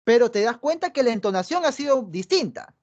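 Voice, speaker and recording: In dull lo-fi online class audio, a Peruvian-accented woman teaches pre-university psychology, explaining step by step and checking on her students after nearly every point. Her voice is on the high side, very animated, a little fast and slightly mellow.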